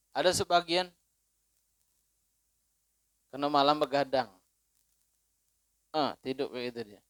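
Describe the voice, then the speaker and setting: A man teaching a religious lesson in casual speech, reciting Arabic slowly and louder and letting phrase ends fall soft. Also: a little high, clear, resonant tone, no room sound. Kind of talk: sermon.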